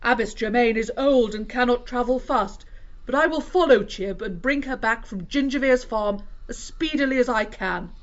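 A man voicing a commanding female badger who gives firm, measured orders. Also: very high-pitched, a bit bright, highs cut off, pitched above the performer's own voice.

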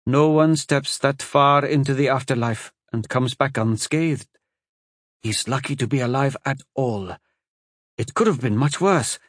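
A man voicing a gentle, motherly healer woman. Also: mid-range voice, no echo, clean studio sound, voice pushed up, lightly acted. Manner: soothing, scolding gently, stands her ground when pressed.

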